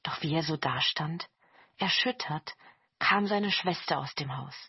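A woman narrating a fairy tale in a calm, measured storytelling voice. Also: sits low, husky, dry recording. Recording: dull lo-fi with faint music.

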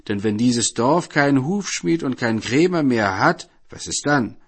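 A man voicing a self-assured village judge in a storybook tale, reasoning in a calm, matter-of-fact way. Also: mid-range voice, a little slow, husky, voice pushed up.

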